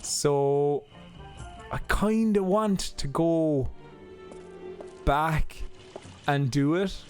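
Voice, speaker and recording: A young man gives easygoing running commentary over his gameplay, chatting away and often circling back to fix what he said. His voice sits at an everyday middle pitch. Faint game music plays underneath. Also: a little mellow. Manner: chatty, rambling, self-correcting. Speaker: let's play host.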